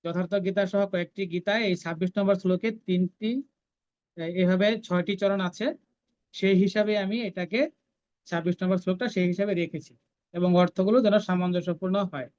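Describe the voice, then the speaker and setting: A woman teaching a scripture recitation class, chanting each verse slowly and then explaining how to pronounce it. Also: on the low side, steady tone, a little mellow, highs cut off.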